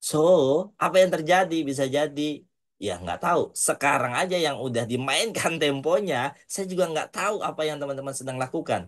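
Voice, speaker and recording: A man giving an online public speaking lesson to university students, casual and lively, slowing down for dramatic pauses and sprinkling in English words. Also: a little high.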